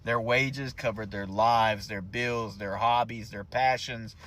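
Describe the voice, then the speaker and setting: A man's voice: fairly low pitch, fairly even intonation, slow. A man speaking to camera in a frustrated, impassioned way, with casual slang. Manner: frustrated, forceful, slang (brother, dude).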